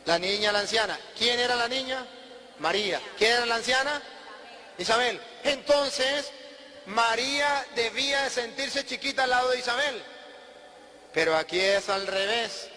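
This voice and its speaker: Emphatic high-voiced male preacher. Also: moderate pace, bright, forceful tone. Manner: emphatic, asks questions and answers them himself. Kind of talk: sermon. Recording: long hall reverb.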